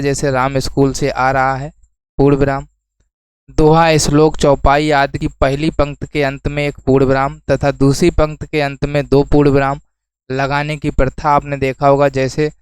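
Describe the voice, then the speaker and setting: Male tutor, fairly high voice, smooth and clear, dry close sound; explains step by step and answers his own questions. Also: flat delivery, normal speed, dry recording, poor audio. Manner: explains then repeats key terms as questions to students. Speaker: teacher. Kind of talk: exam-prep lesson.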